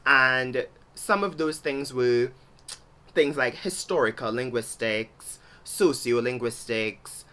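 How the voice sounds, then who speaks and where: A young man from Trinidad and Tobago, with a Trinidadian accent, talks slowly in a mid-range voice that is smooth but pushed and bright. He is a vlogger in a solo talk-to-camera video, explaining his thoughts in a thoughtful, explanatory way.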